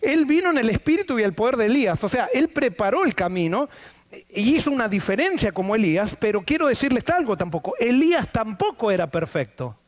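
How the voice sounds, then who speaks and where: Male pastor, high lively delivery, preaching in church through back-and-forth questions. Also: fairly quick. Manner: asks the congregation questions and answers them. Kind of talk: sermon.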